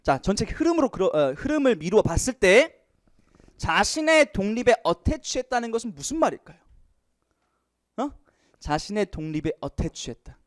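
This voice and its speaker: A male English teacher giving an exam prep lecture, lively, asking questions and answering them himself. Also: high-pitched, moderate pace, no echo, clean studio sound.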